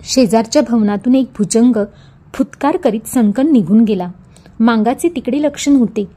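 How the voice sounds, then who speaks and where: A woman reading a classic story aloud as an audiobook, earnest and expressive. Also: on the high side, moderate pace.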